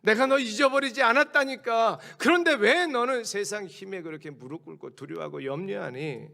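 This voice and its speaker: A man's voice: sits high, expressive, moderate pace, creaky, bright, forceful tone, pitched above the performer's own voice, heavily acted. A man voicing God as an insistent, pleading father figure, speaking to his people in plain casual words. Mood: pleading insistence.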